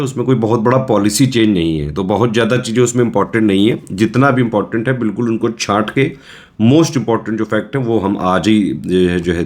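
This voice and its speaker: A man coaching exam students in a casual, reassuring lecture, often checking in with his listeners. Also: lowish voice.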